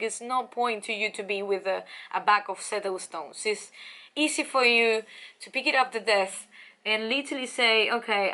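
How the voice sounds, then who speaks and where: A woman giving a casual tarot reading to camera, chatty and excitable, speaking straight to the listener. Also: on the high side. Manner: excitable, chatty, with frequent laughs and fillers; addresses the listener warmly and directly. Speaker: tarot reader.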